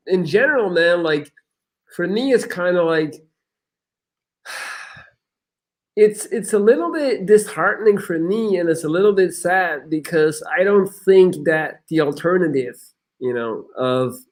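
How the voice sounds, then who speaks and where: Blunt, high-pitched Belgian man. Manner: blunt, swearing, rambling with restarts. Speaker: podcast guest. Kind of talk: casual chat.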